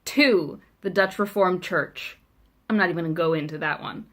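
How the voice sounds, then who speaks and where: A young South African vlogger whose first language is Afrikaans records a casual video letter to a friend. Her voice sits on the low side at a moderate pace, and she's chatty, wry, and self-mocking, with lots of ums.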